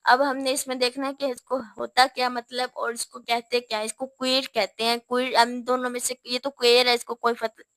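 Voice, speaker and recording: A woman with a Pakistani Urdu accent teaching English spelling, spelling words out slowly letter by letter. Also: fairly high pitch, flat delivery, a bit bright, no room sound. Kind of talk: spelling lesson.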